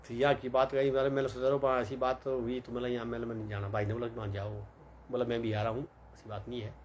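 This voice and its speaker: A young man with a lilt rambles through a personal story, with plenty of fillers and with each character's lines quoted. His voice sits at an ordinary middle pitch. A faint hiss of background noise sits under it. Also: level tone, fast talker, a little mellow. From Himachal Pradesh, India. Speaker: vlogger. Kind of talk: casual storytelling monologue.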